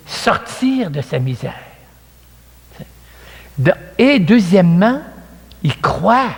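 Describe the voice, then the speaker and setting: A man with a Québécois accent preaching a storytelling sermon, animated and chatty, acting out the scenes, in an echoey church hall. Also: fairly high pitch, breathy edge.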